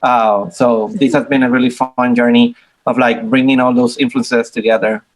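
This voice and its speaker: A man from Puerto Rico, a band member, talking in a relaxed, conversational way during a Q&A. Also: medium pitch, moderate pace, low-quality recording. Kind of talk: casual Q&A answer.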